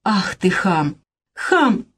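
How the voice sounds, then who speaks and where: A woman's voice: medium pitch, sing-song, very slow, fairly bright tone, husky, full character voice. A woman doing a frantic, wailing male swindler. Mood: furious. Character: panicky scheming middle-aged male swindler.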